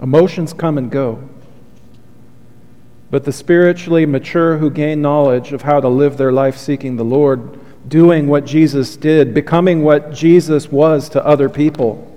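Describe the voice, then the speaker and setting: A pastor delivers a sermon in a somewhat high, steady male voice, taking his time. He sounds earnest, heartfelt and soothing, slipping in soft confessional asides, and a long hall reverb trails after his words.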